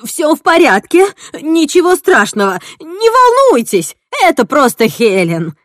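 A woman reading an audiobook, voicing a frantic woman who tries to calm her monstrous sister in a shrill, pleading voice. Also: a little slow, no echo, studio quality. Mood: panicky. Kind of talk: audiobook character voice.

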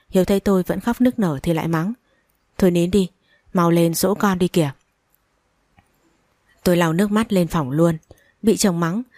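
A woman narrating a first-person family drama story in a steady reading voice. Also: fairly low pitch, no room sound, studio quality.

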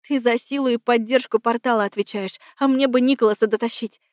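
A woman's voice: fairly high pitch, fairly even intonation, brisk, dry recording, studio quality, lightly acted. A woman voicing an injured, sardonic young woman mage who speaks sarcastically and breathlessly. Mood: sarcastic.

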